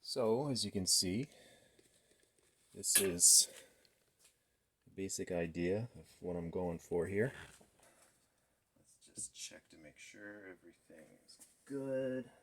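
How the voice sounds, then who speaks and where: Speaking slowly with long pauses, this DIY maker has a deep, slightly bright voice. He's a man in his thirties hosting a casual build in his garage workshop, musing aloud as he goes, captured in a noisy recording with clicks.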